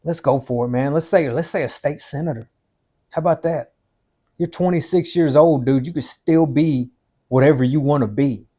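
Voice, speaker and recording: Speaking at normal speed in a slightly high voice with a dark tone, a man in his fifties gives frank life advice meant to motivate podcast listeners. He repeats himself for emphasis, constantly throwing in "man" and "dude."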